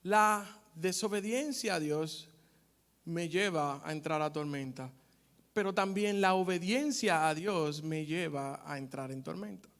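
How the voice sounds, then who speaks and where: High-voiced man preaching slowly. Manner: emphatic preaching, rising loud when reading scripture aloud; addresses the congregation directly with numbered points. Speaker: pastor. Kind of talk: sermon.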